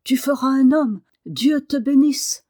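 A hoarse, quavering old gardener speaks with rough feeling, as a woman reading the storybook puts him on. His voice sits close and dry, with no room around it. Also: medium pitch, slow pace, darkish tone, no echo. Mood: moved.

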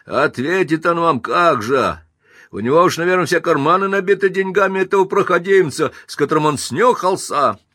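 A man's voice: a little high, lively intonation, normal speed, sharp tone, no echo, clean studio sound, voice pushed up. A man voicing an angry stonemason sneering that a politician has been bought. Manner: sneering accusation. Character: angry, suspicious male stonemason.

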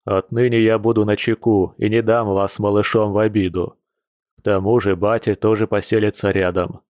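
A man voicing a hot-tempered, protective bear shapeshifter, gruff and intense, in an audiobook. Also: flat delivery, moderate pace, darkish tone, no room sound, clean studio sound, natural voice. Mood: tender resolve. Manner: gruff, intense, with low hissed anger. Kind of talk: audiobook character reading.

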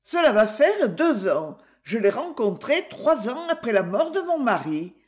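A reader voicing a flustered older widow who pleads in a higher, quavering voice. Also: sing-song, measured pace, a little mellow.

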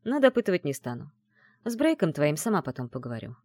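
A woman's voice: sits low, sing-song, fast, darkish tone, dry recording, studio quality. A woman voicing a stern older female academy dean who speaks firmly and brooks no argument. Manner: firm, commanding, brooks no argument.

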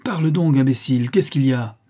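A man's voice: mid-range voice, fairly even intonation, normal speed, dark tone, slightly rough, lightly acted. A man voicing a proud, imperious older countess in an audiobook, speaking in a haughty, commanding way. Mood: impatient. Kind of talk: audiobook character reading.

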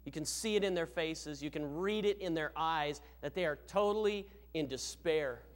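A male pastor delivers a church sermon. He preaches emphatically in a fairly high voice, putting rhetorical questions to his listeners. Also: moderate pace.

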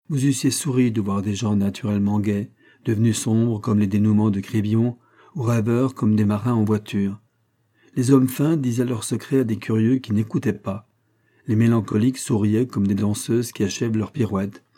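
A man reading a classic novel aloud as audiobook narrator, measured and literary. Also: lowish voice, warm tone. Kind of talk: scripted narration.

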